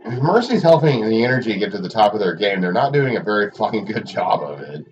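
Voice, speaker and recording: A man with an Oklahoma Okie accent chatting casually and haltingly as a sports livestream commentator. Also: lowish voice, sing-song. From Oklahoma, United States. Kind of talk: casual rambling chat during a match stream. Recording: muffled, distant mic with background noise.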